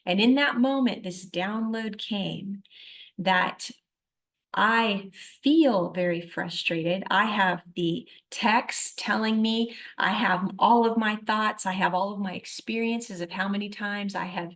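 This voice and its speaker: Woman minister, mid-pitch, conversational testimony, earnest and reflective, loose with fillers. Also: slow. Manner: storytelling with frequent "you know" and "uh" fillers; earnest and reflective, with sudden rises in loudness.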